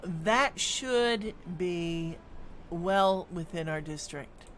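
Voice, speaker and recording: A woman's voice: on the low side, drawn-out words, a little hiss or hum. A woman streaming a city-building game, thinking aloud as she plays, with plenty of hums and ums. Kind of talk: live gameplay commentary.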